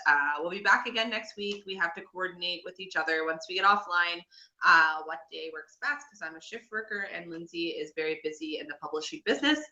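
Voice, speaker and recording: Bright-voiced Nova Scotian woman, lowish pitch. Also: highs cut off. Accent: Nova Scotian Canadian. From Nova Scotia, Canada. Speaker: podcast co-host. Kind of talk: casual recap chat.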